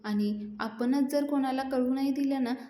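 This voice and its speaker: Woman voicing a gentle, reassuring young woman. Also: sits high, steady tone, normal speed, reverberant, pitched above the performer's own voice, natural voice. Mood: soothing. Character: calm young woman soothing her mother-in-law.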